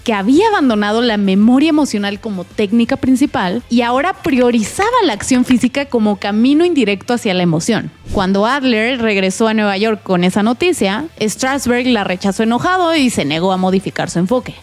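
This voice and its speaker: A woman's voice: on the high side, animated, fairly quick, hardly any pauses, faint music behind. A young woman with a Mexican accent hosting a casual film commentary vlog, slangy and playful with jokey asides, recorded in a provisional home spot. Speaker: film vlogger and host.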